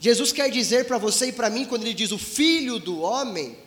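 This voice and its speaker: A man with a strikingly high voice delivers a sermon. He tells a story and acts out each person's lines. His voice rings through a church hall with a long reverb. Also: animated, a little fast, fairly bright tone. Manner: storytelling preacher, acts out dialogue. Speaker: pastor.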